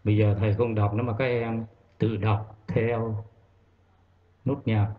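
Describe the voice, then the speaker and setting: Male music teacher for young children, slow and patient, recorded lo-fi over quiet instrument backing. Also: on the low side, flat delivery. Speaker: primary school music teacher. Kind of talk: classroom music lesson.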